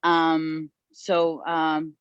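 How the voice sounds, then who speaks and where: A woman's voice: sits low, completely flat delivery, very slow, clear, resonant tone, dry recording. Woman calling in over car speakerphone. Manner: hesitant, many fillers and restarts. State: calling in by phone while driving. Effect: car speakerphone line. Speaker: caller asking a candidate a question. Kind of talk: halting call-in question. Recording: muffled dry phone line.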